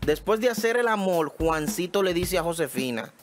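A woman narrating jokes in a lively, animated storytelling manner. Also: lowish voice, normal speed, soft background music. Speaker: joke teller. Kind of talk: comic joke narration.

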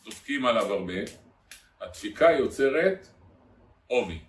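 A man's voice: medium pitch, sing-song. A man, a rabbi, giving a Torah lesson to a live audience, drilling phrases and putting questions to his listeners. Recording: echoey room, far from the mic, faint noise.

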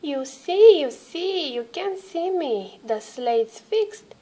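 An excitable old Santa from a children's storybook, voiced by a woman reading aloud. The voice is pitched high and the words come slowly, in dramatic, repeated exclamations. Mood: delighted.

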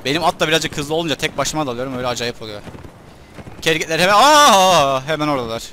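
A young man giving live commentary on his own gameplay, excitable, shouting at his troops and enemies and muttering when things go badly. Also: a little high, fast talker, a little hiss or hum.

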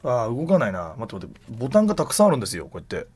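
A man streaming live, chatting casually in rough slang with loud exclamations while he handles and examines an object. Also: medium pitch, huge pitch swings, racing.

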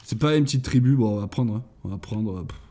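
A man's voice: on the low side, quick pace, dark tone, slight background noise. A man hosting a gaming channel, chatting casually and thinking aloud as he plays, with jokey asides. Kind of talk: casual let's-play commentary.

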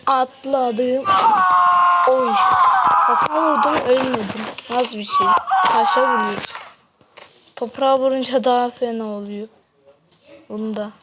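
A woman with a fairly high voice talks slowly and casually over a game, breaking into dramatic cries and wails as her character keeps falling. The recording carries a clear layer of background noise. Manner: dramatic yelps and wails at each fall, slow chatty talk. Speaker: gaming video host. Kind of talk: casual gameplay commentary.

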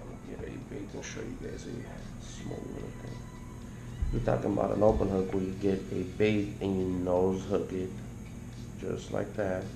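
Gravelly deep-voiced man in an echoey room. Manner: rambling, relaxed, explains as he goes. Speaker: fishing channel host. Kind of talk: casual tutorial talk to camera. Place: indoors at a kitchen table by a window. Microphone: camera on the table close to him. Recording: echoey room with background noise.

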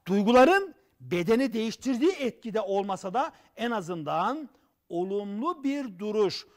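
A man giving a lively TV talk as a personal development coach, acting out examples and asking rhetorical questions. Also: high-pitched. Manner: animated, acts out examples with gestures. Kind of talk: TV talk show monologue. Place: TV studio.

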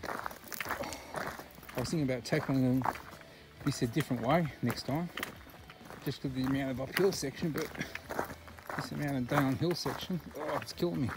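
With vocal fry and long pauses, a mid-range male voice at a moderate pace plays over music. He is an Australian in his thirties vlogging a nighttime bush hike, chatting to an arm's-length camera while puffing for breath.

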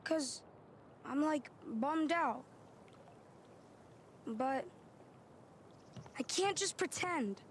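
A woman's voice: high voice, lively intonation, extremely slow, long pauses, a little hiss or hum, heavily acted. A woman voicing a hesitant, earnest, downcast young boy in a naturalistic video game scene.

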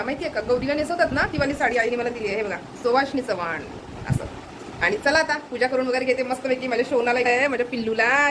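Chatting to her viewers at home, this woman speaks straight into the camera and now and then coos at her pet. Her high voice comes out subdued since she's fasting, and there's noise in the background of the vlog.

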